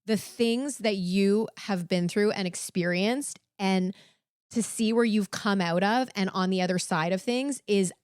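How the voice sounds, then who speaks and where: A woman co-hosting a podcast, supportive and steady as she draws out her guest. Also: medium pitch, measured pace, clean tone, no echo, clean studio sound. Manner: supportive, steady, frequent "mm-hmm". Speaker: podcast co-host. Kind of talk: casual interview chat.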